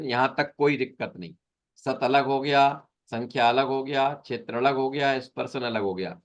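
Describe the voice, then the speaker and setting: A man teaching an online class on Sanskrit sutras, patiently explaining and repeating each term. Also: medium pitch. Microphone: video call.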